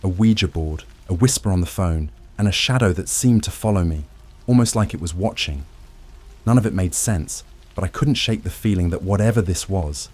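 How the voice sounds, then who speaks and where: A man narrating a first-person horror story in a scripted, tense storytelling manner with dramatic pauses. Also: low-pitched, a little mellow, slightly rough.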